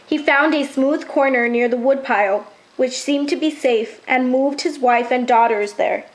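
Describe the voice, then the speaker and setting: A woman narrating a children's story in an even, clear reading voice. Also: sits high, unhurried, poor audio.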